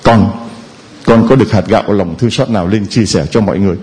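Priest exhorting a congregation. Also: male voice, on the low side, fast talker, background noise. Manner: exhorting, prods with short questions. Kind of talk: sermon and questioning a congregant.

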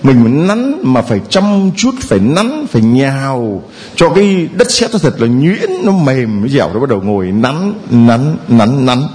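A man's voice: mid-range voice, big pitch swings, a little slow, a little mellow. A man preaching a homily who keeps a playful tone, quizzing the congregation with questions and chuckling between points. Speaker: priest.

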